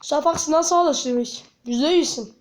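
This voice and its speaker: A stern army commander barks slow, clipped questions at a soldier, as a man puts him on during a game. The voice sits high, with a faint hiss behind it.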